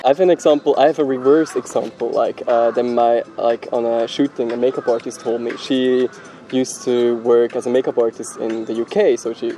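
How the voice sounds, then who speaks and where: A man's voice: medium pitch, little pitch movement, brisk, few pauses, mellow, a little hiss or hum. A young man from Switzerland, a model, chatting casually in a street interview with many "like" fillers. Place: outdoor city park. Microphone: handheld camera.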